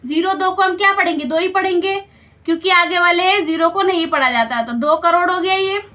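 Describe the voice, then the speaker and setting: A woman's voice: very high voice, brisk, pushed and bright. A woman teaching a school maths lesson step by step, patiently explaining and checking understanding with questions.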